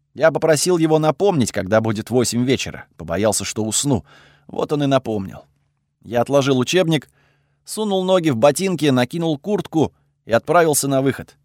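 Lively first-person audiobook narrator man. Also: a little high, no room sound, clean studio sound.

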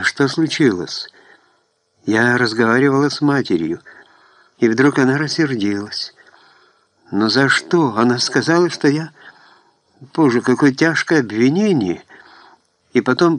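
A distraught young woman, as a male reader puts her on, trembling and begging through sobs. Her voice rides well above his usual pitch and comes through close and dry. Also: dry recording, lightly acted. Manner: trembling, sobbing and pleading.

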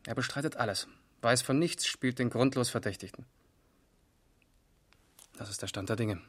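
In a 1970s German radio crime drama, an actor plays a sober, methodical East German police investigator who reports matter-of-factly and precisely. His medium-pitched voice moves at normal speed, slightly bright and lightly acted.

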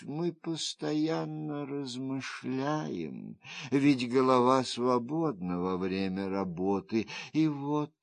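A man reading a sad, weary noblewoman in an audiobook, in a low, slow, tired murmur. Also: dry recording.

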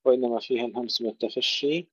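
A man teaching Quran recitation. He recites verses slowly, then explains the pronunciation rules and repeats words to contrast correct and faulty forms. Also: medium pitch, steady tone, slightly rough, no room sound. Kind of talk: tajweed lesson with recitation. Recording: dull lo-fi recording.

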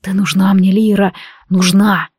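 A woman's voice: level tone, a little slow, a little mellow, husky, no echo, clean studio sound. A woman voicing a growling possessive warrior lover. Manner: growling, low and commanding. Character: passionate possessive male thunder-wielding warrior lover.

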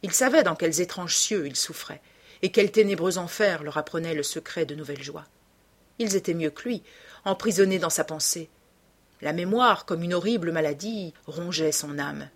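Husky-voiced woman narrating a novel. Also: lowish voice, normal speed. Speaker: audiobook narrator.

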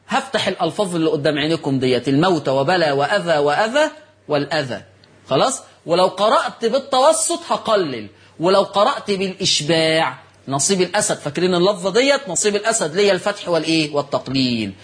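A man with an Egyptian accent hosting a broadcast recitation lesson. He asks his listeners questions, answers them himself, and reads notes slowly with stress on key words. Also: high voice, big pitch swings, a bit bright. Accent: Egyptian Arabic. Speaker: Quran recitation teacher and TV host.

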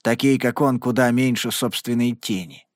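A big, hungry cowboy gunman, grim and sullen, who speaks in short, threatening phrases, as a male narrator plays him. His voice sits at an ordinary pitch. The sound is close and dry. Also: normal speed, no echo, natural voice.

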